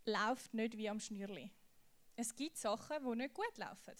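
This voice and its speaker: Young woman, youth preacher, slightly high voice, lively and casual. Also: a little slow. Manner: lively, slangy storytelling.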